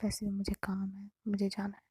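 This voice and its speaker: A woman voicing a hurt young woman who speaks softly and with resignation. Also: mid-range voice, completely flat delivery, brisk, breathy edge, no room sound. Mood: resigned. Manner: soft, subdued.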